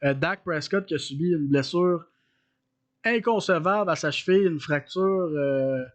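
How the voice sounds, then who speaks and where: A man's voice: fairly high pitch, normal speed. A man with a Quebec French accent, co-hosting a sports podcast in casual chat, hesitant with many fillers as he analyzes games.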